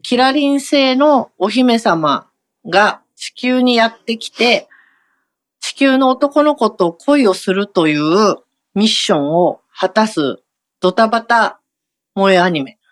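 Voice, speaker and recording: A woman's voice: on the high side, expressive, slow pace. A woman hosting a radio show, chatting casually and narrating a comic scene to herself. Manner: chatty, acts out quotes in a mumbled aside.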